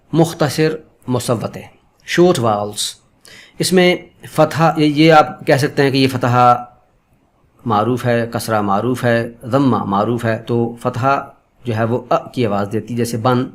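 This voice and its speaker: An Urdu pronunciation teacher leads an online lesson in a mid-range voice. He explains patiently, repeats the example sounds slowly, and politely calls his viewers friends.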